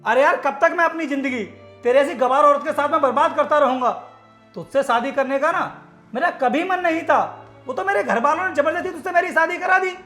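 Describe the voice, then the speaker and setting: A man's voice: very high voice, normal speed, fairly bright tone. A man playing a scornful cheating husband. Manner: harsh, contemptuous, domineering. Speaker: company manager husband. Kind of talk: Hindi short-film acting. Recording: echoey room, music underneath.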